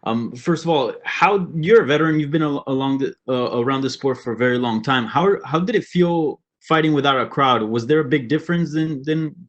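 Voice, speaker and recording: A man working as a sports reporter, putting questions at a press conference in a halting way. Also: medium pitch, dull audio.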